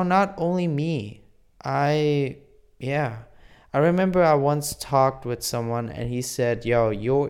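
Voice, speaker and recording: A man's voice: medium pitch, a little mellow, clean tone. A young man vlogging casually, rambling earnestly with many restarts. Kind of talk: casual daily vlog.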